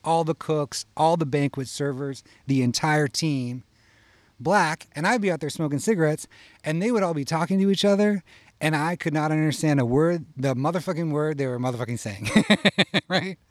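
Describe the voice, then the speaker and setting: A man's voice: a little high, normal speed, no room sound. Guy from iowa rambling thru a story, swears a lot, keeps saying you know, dry sound. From Iowa, USA. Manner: rambling, profane, tags lines with "you know?". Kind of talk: casual personal storytelling.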